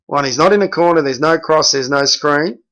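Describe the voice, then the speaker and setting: A man's voice: a little high, brisk, very noisy. A middle-aged man, a basketball coach reviewing game film and bluntly correcting his players by name.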